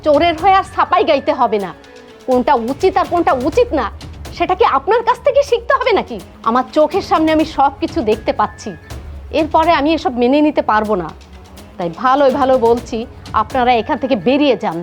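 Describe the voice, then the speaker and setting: A woman's voice: high voice, expressive, a little fast, soft background music. A woman with a Bangladeshi accent playing a harsh, accusing middle-aged mother-in-law in a melodramatic film, scolding and haranguing. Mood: angry, accusing. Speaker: actor. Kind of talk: melodramatic short film acting.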